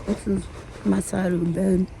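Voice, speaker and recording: A woman in her late forties talking at home from her bed in a halting, rambling vlog monologue full of restarts. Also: mid-range voice, level tone, creaky, background noise. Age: 40s. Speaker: vlogger.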